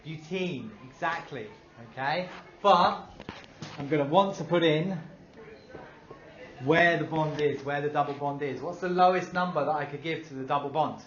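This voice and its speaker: Pitched on the high side and a bit bright, this male teacher talks at a normal speed. He's cheerful as he questions his class and praises their replies. The classroom recording comes across dull and echoey.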